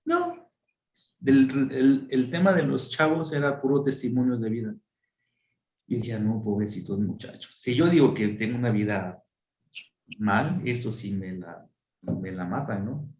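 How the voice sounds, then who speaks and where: A friar being interviewed on a radio program, telling a personal testimony with lively, acted-out voices. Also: male voice, medium pitch, a little slow, long pauses, roomy sound, highs cut off. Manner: animated storyteller who acts out voices. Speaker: friar telling his story. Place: radio studio.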